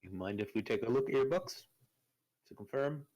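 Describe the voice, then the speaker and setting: A man's voice: medium pitch, animated, brisk, dark tone, dull audio. A man playing in a tabletop game, talking in an offhand, joking way. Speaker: player. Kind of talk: casual chat.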